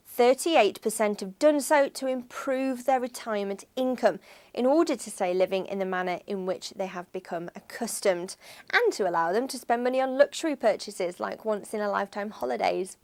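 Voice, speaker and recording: A woman reading a scripted news-style voice-over for a finance firm in an even, measured way. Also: a little high. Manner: even, measured read of figures.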